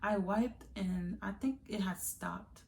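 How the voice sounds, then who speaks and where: Casual candid storytime from a young woman, soft mellow voice, faint hum behind. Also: medium pitch, takes it slowly, gravelly. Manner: chatty, addresses viewers as y'all. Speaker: vlogger.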